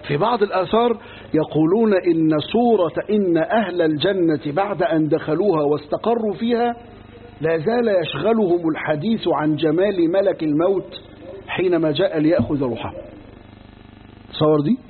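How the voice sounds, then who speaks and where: A man's voice: on the high side, brisk. A man with an Egyptian accent teaching a religious lesson, telling stories with everyday asides and acting out the dialogue. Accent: Egyptian Arabic. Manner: lively storyteller, acts out dialogues in everyday speech. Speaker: Islamic preacher teaching a lesson. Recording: tinny lo-fi recording with faint hiss.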